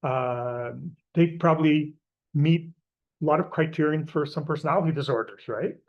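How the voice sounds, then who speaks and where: A middle-aged man with a Portuguese accent lectures a class, his voice sitting a little higher than most men's. He talks loosely and conversationally, with frequent fillers and side remarks between his points. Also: moderate pace, dull audio. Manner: casual, conversational, many fillers and asides.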